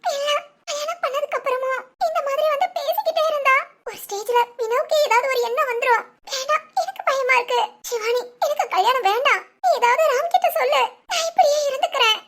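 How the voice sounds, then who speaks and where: A woman's voice: extremely high pitch, fast, pushed and bright, a little hiss or hum. A woman voicing a weepy young cartoon bride. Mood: tearful. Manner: weepy, pleading. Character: tearful young bride-to-be, gentle and timid. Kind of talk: cartoon voice acting.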